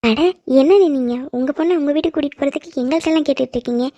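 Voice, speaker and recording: A woman's voice: high voice, rapid-fire, highs cut off, close to an everyday voice. A woman voicing a kind, middle-aged mother of the groom in a cartoon drama, comforting the other family. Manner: comforting, warm-hearted.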